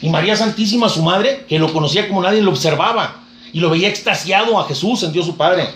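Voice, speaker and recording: Fast fervent preacher man. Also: sits high, fairly bright tone, roomy sound, slight background noise. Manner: fervent storytelling, quotes scripture. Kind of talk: sermon retelling scripture.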